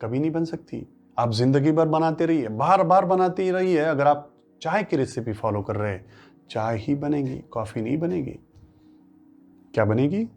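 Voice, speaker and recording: A man's voice: a little high, a little mellow. Hindi-speaking teacher with a Marathi mother tongue. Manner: asks questions and answers them himself, repeats phrases for emphasis. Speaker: spoken English teacher. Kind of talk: classroom-style lesson.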